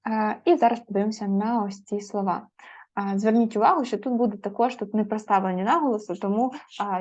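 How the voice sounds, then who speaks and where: A woman teacher explaining spelling rules to students, patient and methodical, pausing on fillers and spelling out letters. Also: mid-range voice, a little mellow. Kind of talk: spoken grammar lesson. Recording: slightly dull lo-fi audio.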